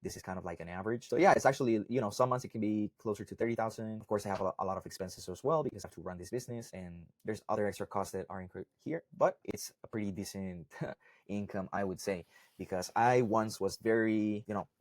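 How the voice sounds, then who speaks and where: This fairly low-pitched young Costa Rican salsa instructor talks at a quick pace, casually explaining to camera and often closing points with "right?" and "okay?" The recording is dry, clean studio sound.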